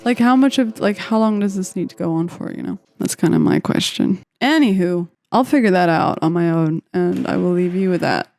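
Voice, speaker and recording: A woman's voice: fairly low pitch, fairly quick, gravelly, hardly any pauses, a little mellow. A woman chatting casually and rambling as she builds a beat, with lots of "like" and playful asides. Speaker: music producer. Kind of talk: casual vlog commentary while making a beat.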